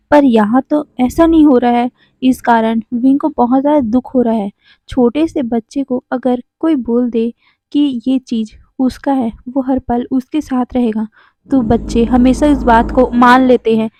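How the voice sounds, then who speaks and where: A woman telling a fan-fiction story in a casual, chatty way, often rephrasing as she goes. Her voice sits high but mellow and soft-edged, recorded close and dry. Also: dry recording. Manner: chatty, restates with "matlab ki".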